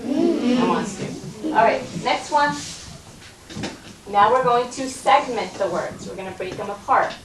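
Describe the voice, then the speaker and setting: Brief: American first grade teacher, woman, slightly high voice, patient and encouraging, in a noisy, echoey room. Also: animated, far from the mic. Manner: patient, encouraging, slow drawn-out modeling of sounds. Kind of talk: phonics lesson with a child. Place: classroom.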